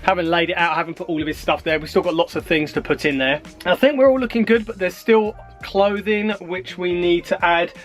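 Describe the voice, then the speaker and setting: A man's voice: high-pitched, fairly even intonation, fairly quick, hardly any pauses, soft background music. A man vlogging, chatting casually to the camera and to his partner.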